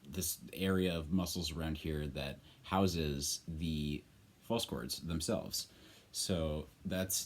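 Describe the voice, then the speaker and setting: Low-voiced man giving a casual tutorial. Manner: informal, rambling, emphatic with occasional swearing. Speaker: vocal coach, screamer.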